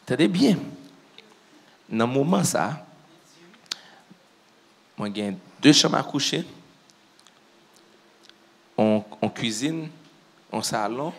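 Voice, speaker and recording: A man's voice: mid-range voice, takes it slowly, creaky, long pauses, breathy edge. A man preaching in church, telling a story and acting out what people said to him. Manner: animated storyteller who acts out what people said. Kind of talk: storytelling sermon testimony.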